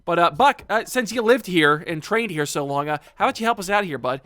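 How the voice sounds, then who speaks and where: Animated man rambling through gameplay commentary. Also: high voice, brisk, no room sound. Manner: rambling, filler-heavy and joking. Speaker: video game let's player.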